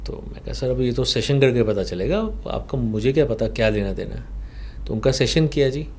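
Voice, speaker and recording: A man whose first language is Punjabi, a past life regression therapist in a podcast interview, recounting a client's session slowly with rhetorical questions. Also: medium pitch, a little mellow. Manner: slow, explanatory storytelling with rhetorical questions.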